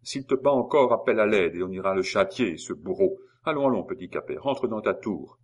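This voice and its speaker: A man voicing a gruff, hot-tempered male sergeant who blusters loud threats. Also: fairly low pitch, animated, brisk. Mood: gruff kindness.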